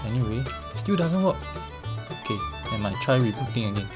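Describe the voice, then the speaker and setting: Casting: man, twenties, Singaporean accent, lower-pitched to mid voice, exclamatory self-talk for a casual gaming vlog, music behind. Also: sing-song, brisk. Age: 20s. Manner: exclamatory, talking to himself with colloquial particles. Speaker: vlogger. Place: small bedroom, indoors.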